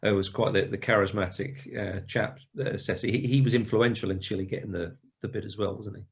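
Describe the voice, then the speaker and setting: A man hosting a podcast, relaxed and steering the talk with backstory. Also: on the low side, fairly quick. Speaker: podcast host. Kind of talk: podcast conversation.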